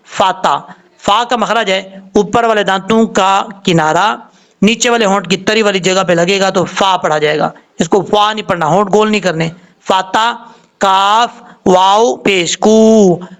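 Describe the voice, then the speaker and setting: A high-voiced man teaches Quran recitation step by step. He names each letter and its vowel mark, then drawls out the recited word with care. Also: fairly bright tone. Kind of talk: slow step-by-step tajweed lesson.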